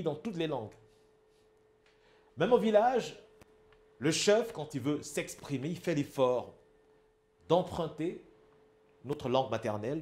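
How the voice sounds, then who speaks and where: A man's voice: on the high side, dark tone, roomy sound. Man teaching with Cameroonian French accent. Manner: emphatic, asks the audience if it is clear. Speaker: public speaking trainer. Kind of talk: instructional talk.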